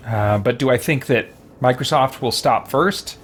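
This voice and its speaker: While streaming a game live, a medium-pitched man chats casually, pausing and stumbling as he thinks out loud and reads viewer comments aloud.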